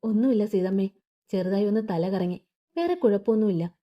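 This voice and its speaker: Weary young pregnant woman read by a woman, faint, soft, reassuring, lo-fi. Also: mid-range voice, a little fast, natural voice.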